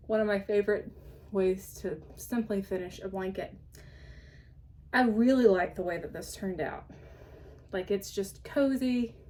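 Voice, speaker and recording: A woman's voice: mid-range voice, warm tone. A woman hosting her podcast in a casual show-and-tell chat, rambling along with frequent ums and light laughs, slightly out of breath. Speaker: podcast host.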